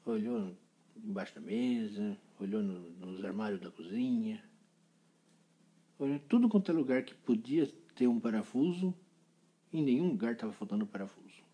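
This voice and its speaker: Man spinning a kids' story, playful, husky and warm. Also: fairly low pitch, moderate pace. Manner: playful, animated storytelling with sound effects. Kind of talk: improvised children's story.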